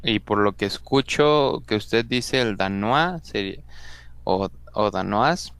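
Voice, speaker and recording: A man's voice: lowish voice, lively intonation, slow, a bit bright, clean tone, no echo. A man, a student in a pronunciation class, asking hesitant questions and unsure of his answers.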